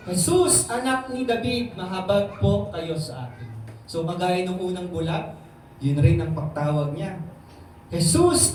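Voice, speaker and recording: Man, preacher, sermon, retells scripture casually, very echoey room, faint background noise. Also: a little mellow. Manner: reads a verse, then retells it in everyday Taglish; acts out voices in the story with a raised pitch. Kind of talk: sermon reading and explaining scripture. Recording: very echoey room, voice from some distance.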